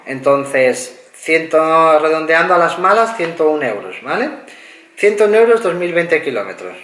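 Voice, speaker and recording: A man's voice: a little high, very animated, a little slow, fairly bright tone. Man explaining step by step in an echoey room. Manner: conversational, explains figures step by step with many asides. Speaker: car reviewer. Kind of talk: casual car review monologue.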